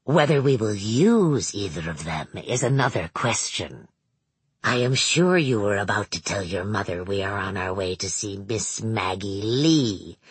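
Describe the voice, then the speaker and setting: A woman's voice: rumbling low, lively intonation, unhurried, slightly rough, no echo, voice pushed down, full character voice. A woman reading a novel aloud, voicing a sinister older man who talks in a falsely polite carnival barker's voice. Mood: sulky. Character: sinister older man, sunny showman charm, menacing.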